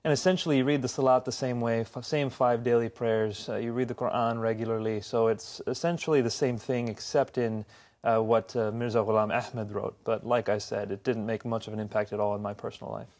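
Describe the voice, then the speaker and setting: A man's voice: medium pitch, steady tone, brisk, a little mellow. A young man from the United States, a guest in an interview, earnestly explaining his personal testimony.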